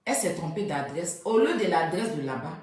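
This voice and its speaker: A woman casually telling a story about a night out, acting out what others said and keeping her voice soft. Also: fairly quick. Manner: animated, acts out what others said, pitch jumps up when excited; keeps voice soft, says she cannot speak loudly. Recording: very echoey room.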